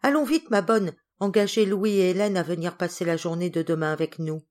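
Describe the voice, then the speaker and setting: A woman's voice: lowish voice, fairly even intonation, brisk, darkish tone, close to an everyday voice. A woman voicing an eager, timid little girl who speaks in a pleading way in a storybook reading.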